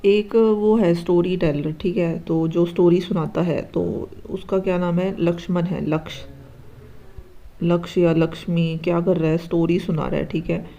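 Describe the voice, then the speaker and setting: Mellow, flat-voiced woman teaching. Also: fairly low pitch, normal speed, creaky, lo-fi sound. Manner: explains patiently, checks in with "ठीक है" often. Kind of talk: exam-prep lesson with memory tricks.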